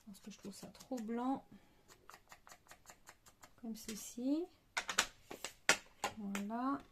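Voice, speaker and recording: A woman's voice: on the high side, drawn-out words, darkish tone, slight background noise. A woman hosting a card-making tutorial, thinking aloud with many hesitations. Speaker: crafting tutorial host.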